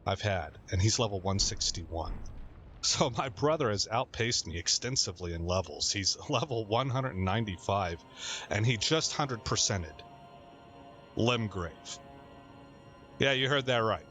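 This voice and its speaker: Low-voiced man chatting over gameplay. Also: animated, unhurried, a bit bright, soft background music. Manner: rambling, chatty, laughs at his own stories. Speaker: gaming channel host. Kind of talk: casual game commentary.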